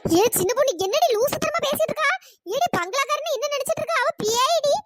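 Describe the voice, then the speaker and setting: A woman's voice: lively intonation, fast, background noise. A woman voicing a chatty, scolding village woman in a cartoon. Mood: exasperated scolding. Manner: scolding, exasperated. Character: chatty village woman, elder sister type. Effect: pitch-raised cartoon voice. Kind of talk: cartoon storytelling.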